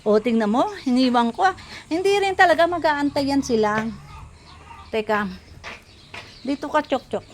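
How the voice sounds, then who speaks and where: A woman's voice: sits high, lively intonation, moderate pace, long pauses, a little hiss or hum. A woman vlogging while she feeds her dogs outdoors at a rural home, out of breath and chatty, calling to each dog by name. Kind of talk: casual vlog, talking while feeding dogs.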